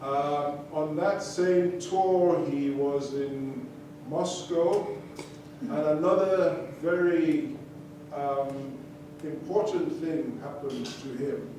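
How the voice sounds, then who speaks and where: Speaking very slowly in a fairly high voice, a man recounts his life to a concert audience between songs, with fillers and restarts throughout. The recording is distant and echoey, with a noisy background and audience sounds.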